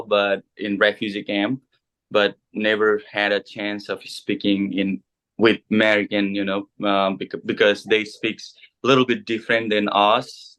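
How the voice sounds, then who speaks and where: A pastor in his thirties, from Bhutan and a native Nepali speaker, telling his story in an interview with many pauses, fillers and restarts. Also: lowish voice, a bit bright, clear, resonant tone. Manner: hesitant, many fillers and restarts, halting English. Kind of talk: casual interview.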